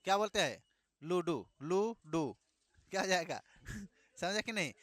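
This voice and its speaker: A man's voice: high-pitched, lively intonation, fairly quick, pushed and bright, no echo. A man teaching a classroom math lesson, asking questions and repeating each answer back. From Bihar, India.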